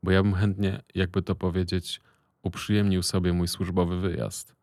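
A man reads a shame-faced, sleazy older man in an audiobook. The voice is low and gravelly, and he coaxes in a hesitant, wheedling way. The recording is dry and close. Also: little pitch movement, moderate pace, a little mellow, no echo.

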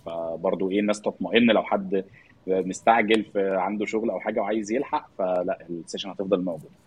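A man with an Egyptian accent hosting a live online interview in a casual, effusively polite, informal way, with a husky voice. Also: low-pitched, fairly even intonation, fast, a little mellow. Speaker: podcast host welcoming a guest.

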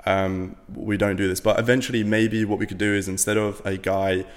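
A man's voice: on the low side, little pitch movement, brisk, long reverb tail. A young man from Latvia, a podcast guest, chatting casually in a rambling way with lots of fillers and the odd swear word. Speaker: podcast guest, business owner.

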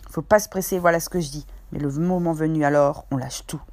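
A woman's voice: deep voice, fairly even intonation, brisk, darkish tone, lightly acted. A woman reading aloud, voicing a cunning old male pirate cook who speaks in persuasive, folksy sailor's slang. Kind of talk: audiobook character voice.

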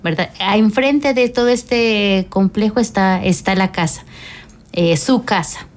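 A middle-aged woman, a religious sister, speaking calmly and explaining at length in a radio interview, with frequent pauses and fillers. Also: medium pitch.

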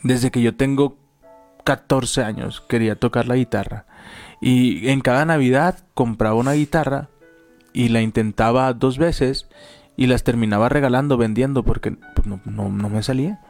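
A man with a gravelly, creaky voice at an ordinary pitch speaks about faith and perseverance. He repeats key phrases for emphasis and tells personal stories from family life. Soft music plays behind him. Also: moderate pace. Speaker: co-host of a faith talk show.

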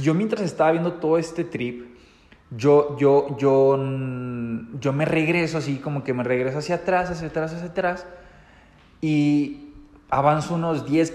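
A man with a Mexican accent telling a story to his viewers, animated, with many fillers and restarts. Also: on the high side, reverberant, in a large hall. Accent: Mexican Spanish. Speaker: vlogger.

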